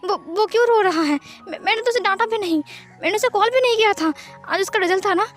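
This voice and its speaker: A woman's voice: very high voice, a little fast, faint music behind, voice pushed up. A woman voicing a panicked young man who stammers and repeats words as he pleads his innocence.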